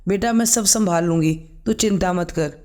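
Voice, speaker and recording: A man with a high voice voicing a kind, anxious elderly mother-in-law in a storybook narration. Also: moderate pace, darkish tone, lightly acted. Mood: soothing. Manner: soothing, motherly.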